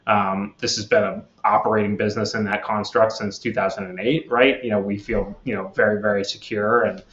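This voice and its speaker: A man being interviewed as a guest on a podcast, explaining in a measured way with lots of fillers and restarts. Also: lowish voice, flat delivery, a bit bright, roomy sound, muffled recording. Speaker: guest, platform executive.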